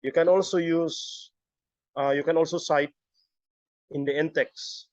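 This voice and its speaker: A middle-aged man giving a step-by-step software tutorial as an instructor, halting and often repeating his words. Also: fairly high pitch, fairly even intonation, dry recording. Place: busy area, on a video call or webcam setup. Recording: dull lo-fi audio.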